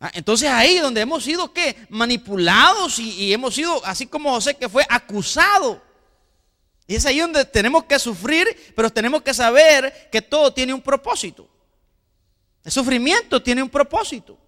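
A man's voice: very high-pitched, expressive, moderate pace, sharp tone. A man preaching a sermon as pastor, emphatic, asking the congregation rhetorical questions and repeating words. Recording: long hall reverb.

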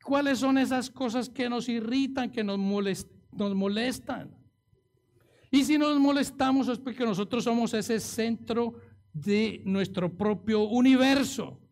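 A male preacher delivers a sermon with a high, gravelly voice. He acts out the cries of the people in the story with drama. He keeps turning to the listeners with rhetorical questions. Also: unhurried, a little mellow.

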